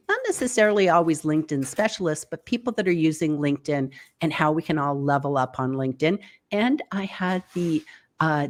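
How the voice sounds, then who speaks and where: A woman guest on a live video interview, giving casual advice in a chatty, animated way. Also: deep voice. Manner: animated, chatty, acts out quoted reactions. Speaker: podcast host appearing as guest.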